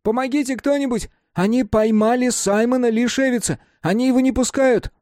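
A shrill hysterical shrieking man. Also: lively intonation, normal speed, warm tone, no room sound, clean studio sound.

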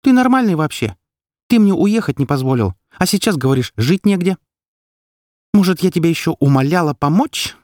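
A man's voice: fairly high pitch, huge pitch swings, fairly quick, few pauses, slightly rough, no echo, studio quality, voice pushed up, heavily acted. A man doing a furious jealous young woman. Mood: angry. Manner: sharp, shouting accusations.

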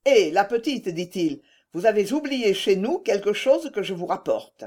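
A shameless country farmer talks smoothly and feigns indifference, as a woman reading the tale puts him on. The voice stays close to her own, with lively rises and falls. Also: mid-range voice, moderate pace. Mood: sly. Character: sly, shameless grown rural farmer.

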